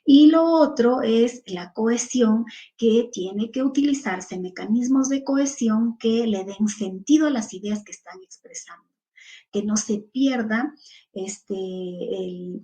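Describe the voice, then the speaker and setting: Peruvian lady teacher going over stuff for a teachers' class, lists example after example, lots of "este" and "eh", kinda high voice. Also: expressive, unhurried, warm tone, rough recording. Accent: Peruvian Spanish. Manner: explanatory, lists examples one by one with fillers. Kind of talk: online lecture for teachers.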